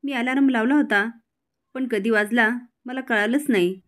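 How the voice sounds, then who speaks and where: A woman voicing a gentle, timid young wife who speaks hesitantly and apologetically. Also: a little high, moderate pace, natural voice. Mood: apologetic.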